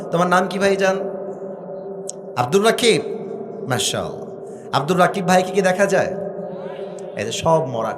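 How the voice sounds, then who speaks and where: Animated man preaching, high voice, swings pitch all over, shouts, noisy crowd ambience behind. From Bangladesh. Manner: animated, shouting and acting out stories. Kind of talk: Bengali waz sermon.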